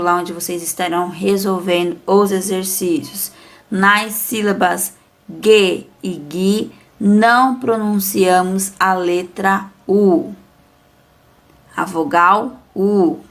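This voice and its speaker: A woman teacher leads a recorded spelling lesson, stretching out each example word. Her delivery is unhurried, and her voice carries a gravelly, fry-edged texture. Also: medium pitch, a bit bright. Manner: slow, careful, drawn-out word-by-word reading; speaks about herself as "a professora".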